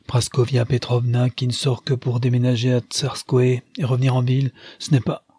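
A man's voice: mid-range voice, level tone, normal speed, mellow, husky, no room sound, lightly acted. A man voicing a corpulent, flustered father who stammers out astonished exclamations.

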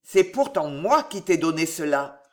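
A reader playing an old miser who growls and sneers at his nephew, scornful and threatening. His voice is rough with scorn in this audiobook scene. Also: mid-range voice, very animated, measured pace, darkish tone. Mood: suspicious. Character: miserly old man, menacing, bony-fingered.

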